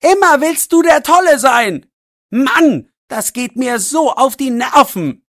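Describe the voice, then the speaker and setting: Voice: mid-range voice, wildly swooping pitch, takes it slowly, dry recording, clean studio sound, full character voice. A narrator voicing a defensive young teenage boy who argues back in a learner's audiobook. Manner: defensive, pleading. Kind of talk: audiobook role voice.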